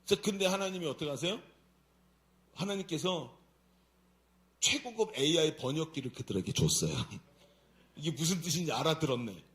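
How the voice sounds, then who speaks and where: A man pastor preaching a sermon at a Friday prayer meeting in a church, telling the story in a colloquial, animated way. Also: a little high, moderate pace, long pauses. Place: church sanctuary.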